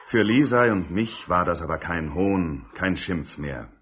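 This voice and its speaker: A man's voice: low-pitched, animated, unhurried, heavy background noise. A man playing a narrator who recounts his family's past in scripted audio drama narration. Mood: grave, wistful.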